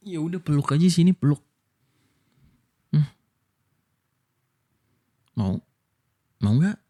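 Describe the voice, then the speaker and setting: Man, whispered role-play, boyfriend, gentle coaxing, dark mellow tone. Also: a little high, animated, drawn-out words, pauses often. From Indonesia. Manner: soft, coaxing, affectionate toward listener.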